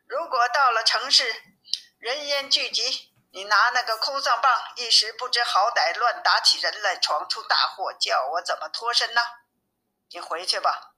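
A stern male monk master who lectures in proverbs and scolds his disciple, as a woman reads him. The voice is bright, often dropping to a quieter, reproachful tone. It is a storybook reading. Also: on the high side, moderate pace, rough recording. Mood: scolding.

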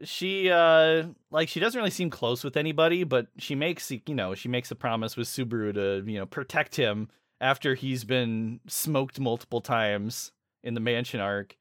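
A man co-hosting a podcast in casual chat, animated and laughing often as he retells scenes. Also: mid-range voice, normal speed, few pauses, no echo, studio quality. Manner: animated, laughs often, quotes characters in funny voices. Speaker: podcast co-host.

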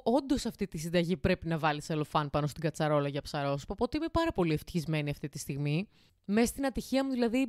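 A young woman in her twenties talks through a casual podcast while she cooks at home. Her voice sits a little low, and the recording is close and dry with no room sound. She rambles chattily, drifts off topic, swears offhandedly and keeps turning to her listeners. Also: no room sound. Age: 20s. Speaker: podcast host. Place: home kitchen, cooking while talking.

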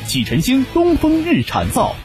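A man's voice: extremely high pitch, huge pitch swings, moderate pace, over music. A man announcing a hard-sell promotional radio car advertisement.

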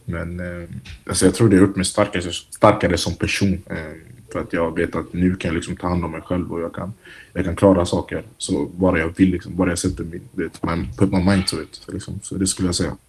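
A young man, a football player being interviewed, telling stories casually with lots of fillers and slang, and growing animated when he acts out what others shouted. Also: sits low, husky. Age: young adult. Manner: relaxed, animated when retelling, heavy "du vet" fillers and street slang. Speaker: youth football player, guest.

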